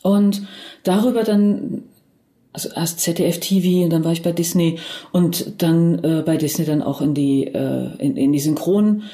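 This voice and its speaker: Chatty German woman, warm low voice. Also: normal speed, reverberant. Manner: chatty, many fillers and restarts, wry. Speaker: crime novelist and dubbing director. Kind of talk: casual podcast interview.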